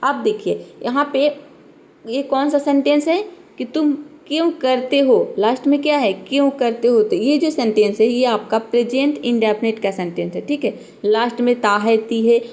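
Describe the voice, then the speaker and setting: A woman teaching English vocabulary in a spoken lesson. She spells each word letter by letter, slows down on the English words, and keeps checking in with "theek hai". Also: high-pitched, darkish tone.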